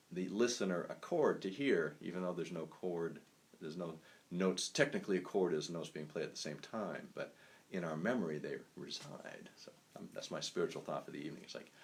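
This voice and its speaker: A saxophonist talking through improvisation ideas in a casual, rambling lesson, full of fillers and restarts. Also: male voice, deep voice, a little mellow. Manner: rambling and thoughtful, many fillers.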